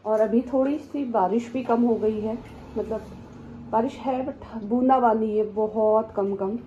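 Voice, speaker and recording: Chatty woman vlogging with a slightly high voice. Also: unhurried, dark tone, dull audio, a little hiss or hum. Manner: chatty, switches to high cooing baby talk with her dogs. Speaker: vlogger and dog owner. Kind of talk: casual daily vlog narration. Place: home and outdoors on walks.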